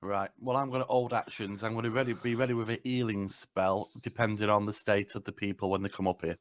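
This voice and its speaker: A man playing a tabletop game, briskly describing and voicing his character's moves. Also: lowish voice, steady tone, no room sound, studio quality. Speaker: player. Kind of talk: tabletop role-play, acting out his character.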